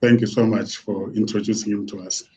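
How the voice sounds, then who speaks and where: A man's voice: on the low side, steady tone, a little fast, dull audio. A man hosting a live online interview, greeting guests effusively with many fillers. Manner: warm, effusive greetings, hesitant. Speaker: host. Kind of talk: casual interview.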